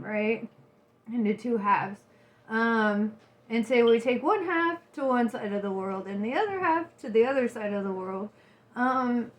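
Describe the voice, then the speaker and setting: Stoned, rambling woman with a high voice. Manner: stoned, loose rambling talk; giggly, laughs often while talking. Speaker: vlogger. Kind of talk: rambling casual rant to followers.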